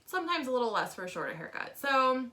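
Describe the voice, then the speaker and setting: A woman's voice: high-pitched, quick pace. A woman co-hosting a casual chat, telling salon front desk stories and acting out the customers. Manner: animated storyteller, acts out customers. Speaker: podcast co-host, salon front desk worker.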